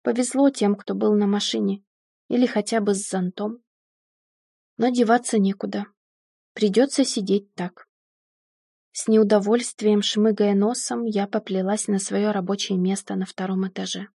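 Woman, audiobook narrator, first-person novel, measured and wry, husky tone, dry close recording. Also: medium pitch, steady tone, mellow, no room sound.

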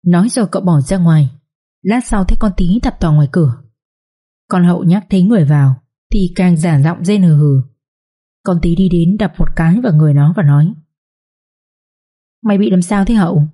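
A woman narrating a story in a lively, colloquial way. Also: on the low side, brisk, slightly rough.

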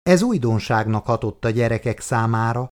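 A man narrating an audiobook in a steady, measured way, with a voice of ordinary middle pitch. The reading is calm and even-paced, a plain storyteller's delivery. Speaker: audiobook reader. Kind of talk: scripted narration.

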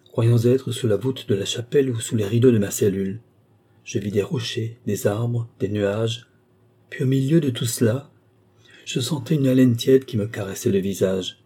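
A man's voice: medium pitch, warm tone, breathy edge, lightly acted. A man reading the part of a distraught young woman who urgently recounts her abduction, in an audiobook. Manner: urgent, dramatic first-person telling.

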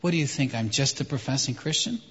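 Preacher doing a smug indignant churchgoer, pitched way up, echoey hall, dull sound. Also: male voice, quick pace, a bit bright, husky. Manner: mocking, indignant.

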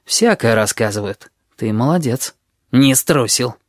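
A man voicing a gloomy teenage boy who talks haltingly and confidingly in an audiobook. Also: mid-range voice, animated, no echo, clean studio sound, lightly acted.

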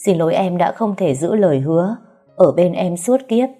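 Woman doing a gentle, deep-voiced young husband. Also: expressive, faint music behind. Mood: tender. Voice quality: deep and warm. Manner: soft, slow and tender.

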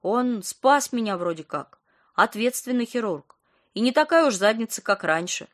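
An earnest young woman lying in a hospital bed, as the reader voices her in an audiobook, her voice a touch higher than the narration. She talks politely and a little anxiously, eager to please. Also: animated, normal speed, natural voice. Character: young woman patient after surgery, anxious but polite.

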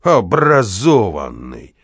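A man voicing a drunk, enraged male janitor who bellows drawn-out curses in an audiobook. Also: on the low side, wildly swooping pitch, breathy edge, no echo, studio quality, full character voice. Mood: furious.

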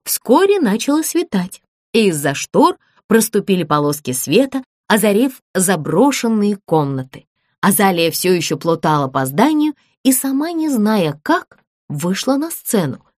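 A woman narrating a children's audiobook in an expressive storytelling manner. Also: mid-range voice, unhurried, no room sound, studio quality.

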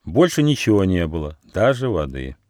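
A man reading his own fairy tale aloud as an audiobook, with expressive storytelling. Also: deep voice, moderate pace, no room sound, clean studio sound.

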